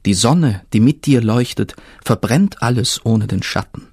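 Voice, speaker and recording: A man voicing an ancient, patient, all-knowing river spirit in a storybook reading, speaking in a solemn murmur with a husky tone. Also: medium pitch, lively intonation, unhurried, darkish tone, dry recording, studio quality.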